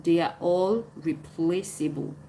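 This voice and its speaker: Slow, emphatic Cameroonian woman. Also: fairly low pitch, mellow, rough recording. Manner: emphatic, repetitive, preachy. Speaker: livestreamer. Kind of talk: live-stream commentary reading viewer comments.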